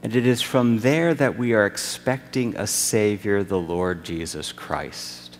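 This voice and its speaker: A man preaching a sermon as pastor in a church sanctuary, measured and deliberate with long pauses. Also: on the low side. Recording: long reverb of a large church.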